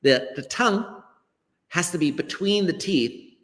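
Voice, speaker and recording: This earnest, middle-aged language teacher from the western United States appears as a guest in a live-stream interview over a webcam video call, the audio carrying long, hall-like reverb. His voice is high-pitched and lively, with a measured pace, emphatic and prone to frequent restarts.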